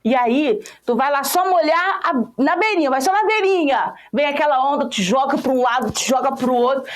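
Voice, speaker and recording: A young Brazilian woman teaching an online exam-prep class in a lively, playful way, teasing her students by name. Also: high-pitched, a little hiss or hum. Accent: Brazilian Portuguese.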